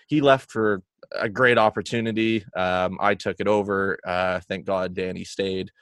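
A man's voice: low-pitched, steady tone, a little slow, fairly bright tone, smooth, dry recording, clean studio sound. A young man, chatting as a guest with lots of ums and uhs. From Canada. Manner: hesitant, many fillers. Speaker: guest podcaster. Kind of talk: casual interview chat.

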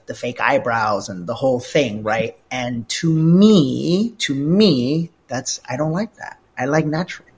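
Husky-voiced man telling relationship stories. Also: mid-range voice. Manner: animated, repeats words while telling anecdotes. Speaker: life coach guest. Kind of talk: conversational interview storytelling.

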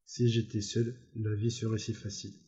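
A man's voice: fairly low pitch, normal speed, highs cut off, lightly acted. George, a man voicing a weary ranch hand. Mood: flat. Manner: flat, monotone. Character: weary male ranch worker, protective, stiff.

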